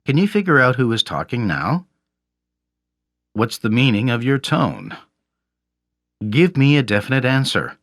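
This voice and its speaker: A man reads out a lesson's word list and example sentences at an unhurried pace, enunciating carefully. His pitch moves in a wide, lively arc from word to word. The sound is dry and close, with no room around it. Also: no echo. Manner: slow, careful enunciation of single words. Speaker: English lesson reader. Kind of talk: reading vocabulary and example sentences.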